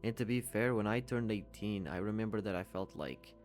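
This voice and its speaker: A man's voice: fairly low pitch, fairly quick, a little mellow, faint music behind. A man in his twenties giving a candid, conversational commentary voice-over and swearing casually. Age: 20s. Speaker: YouTube commentator.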